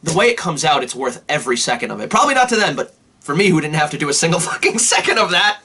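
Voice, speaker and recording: A man's voice: on the high side, sing-song, racing, sharp tone, husky. A man co-hosting a film review podcast, talking casually and animatedly, swearing often.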